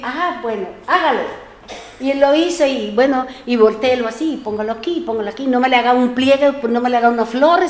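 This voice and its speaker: High-voiced woman preaching. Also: darkish tone, reverberant. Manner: storytelling, acts out dialogue, repeats phrases. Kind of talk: sermon with personal testimony. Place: church.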